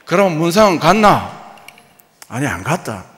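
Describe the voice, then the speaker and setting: A man's voice: on the high side, big pitch swings, measured pace, a bit bright, pitched above the performer's own voice. A man voicing gossiping old village grandmothers with a Gyeongsang accent, trading blunt, chatty remarks. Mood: gossipy. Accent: Gyeongsang dialect. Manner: blunt, chatty dialect banter. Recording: long church-hall reverb.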